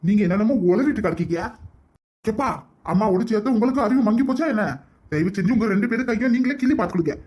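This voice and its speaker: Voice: medium pitch, fast, dark tone, close to an everyday voice. A performer voicing an injured, baffled grown son in a cartoon comedy, complaining in a Kanyakumari Tamil accent. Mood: exasperated. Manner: exasperated, complaining.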